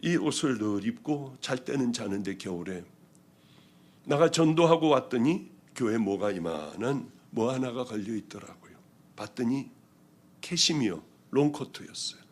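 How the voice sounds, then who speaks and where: A male pastor preaching a testimony sermon, telling his story with lively acted-out quotes that swing from loud outbursts to hushed whispers. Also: medium pitch, measured pace. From South Korea.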